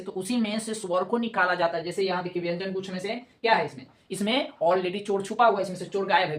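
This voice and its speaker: A teacher talks through a grammar lesson at a brisk clip, posing rhetorical questions and answering them at once. Key terms come back again and again for emphasis. The voice carries a noticeable room echo. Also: medium pitch. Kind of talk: online Hindi grammar lesson.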